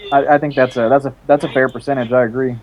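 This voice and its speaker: A man's voice: medium pitch, fairly even intonation, quick pace, a little mellow, low-quality recording. A man co-hosting a casual online panel, speaking earnestly for his cause, on a home computer mic over a video call. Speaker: podcast co-host.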